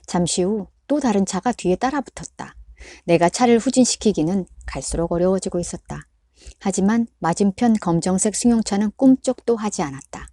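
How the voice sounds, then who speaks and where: A woman reading a book aloud in a calm, measured audiobook narration. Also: medium pitch, no echo, clean studio sound. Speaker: book reader.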